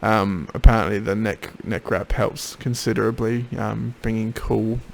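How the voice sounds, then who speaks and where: A man, tired and drowsy after throat surgery, talking in a low-energy way in a casual video diary. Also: level tone, a little slow, gravelly, a little hiss or hum, poor audio. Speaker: patient keeping a recovery video diary. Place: home office.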